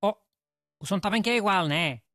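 A know-it-all portuguese host, offhand and teasing, voice swoops around a lot. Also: male voice, high voice, animated, normal speed, sharp tone, dry recording, studio quality, soft background music. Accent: European Portuguese. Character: know-it-all male host, blunt and dismissive. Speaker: show host. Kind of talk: comic scripted banter.

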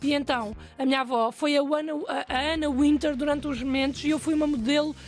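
A young woman with a European Portuguese accent telling a self-mocking comic story in a lively, animated way. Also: sits high, fast talker, soft background music. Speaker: guest storyteller. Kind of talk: comic anecdote, casual chat.

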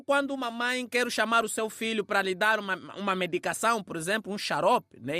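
An Angolan man with a bright, forceful voice delivers a comedy monologue straight to the audience. He is animated and keeps tagging his lines with "não é?". The recording is dry and close. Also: high voice, dry recording. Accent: Angolan Portuguese. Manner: animated, acts out characters, frequent "não é?". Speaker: comedy host. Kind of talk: comic monologue.

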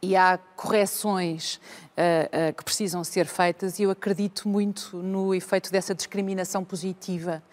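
A woman, speaking earnestly on a live debate panel, pausing often with hesitations. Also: fairly low pitch, steady tone.

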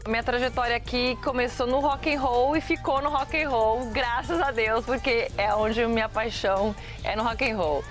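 A woman's voice: fairly high pitch, steady tone, normal speed, hardly any pauses, soft background music. A woman rock musician in an interview, speaking in a heartfelt way.

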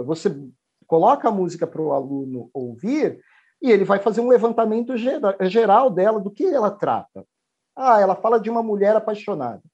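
A man with a high voice explains how he teaches in an earnest, explanatory way. The recording is dull and lo-fi. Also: a little mellow. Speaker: university professor, interviewee. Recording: dull lo-fi audio.

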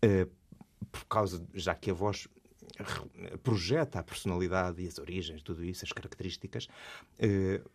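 A man's voice: sits low, steady tone, normal speed, vocal fry, slightly rough. A man with a European Portuguese accent, a voice coach explaining speech habits in a radio interview, in a teacherly way. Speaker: guest voice coach and singer.

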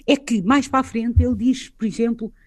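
A woman's voice: on the high side, brisk, darkish tone. A woman with a European Portuguese accent, a guest in a conversational literary discussion, explaining with animation and frequent tag questions.

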